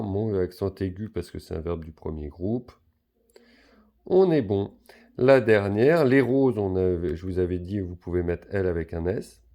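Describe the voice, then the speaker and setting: A man teaching a recorded primary school lesson, patiently explaining step by step with a lively, rising and falling delivery. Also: lowish voice, creaky.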